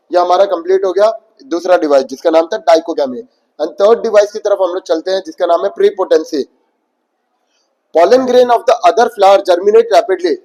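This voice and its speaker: A young man teaching a biology lesson for exam prep, mixing in English terms, quizzing his students and reading textbook lines slowly before explaining them quickly. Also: high-pitched, darkish tone, low-quality recording.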